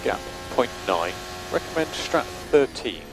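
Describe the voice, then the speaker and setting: A male race engineer keeps his team radio updates clipped and matter-of-fact, though his mid-range voice is very animated at a measured pace. Music plays in the background, and the noisy transmission picks up car noise.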